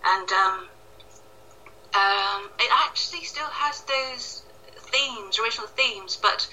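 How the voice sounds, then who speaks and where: Taking things slowly, a Welsh woman with a sharp, mid-range voice answers interview questions as an author, keeping it casual and self-deprecating. She's indoors in her echoey home kitchen, with slight background noise and a distant, tinny call sound.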